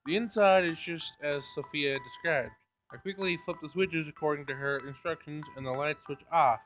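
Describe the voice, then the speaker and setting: On a gaming channel, a man with a somewhat high, slightly bright voice reads a visual novel aloud as dramatic narration. It's a dull, lo-fi screen recording with faint game music in the background.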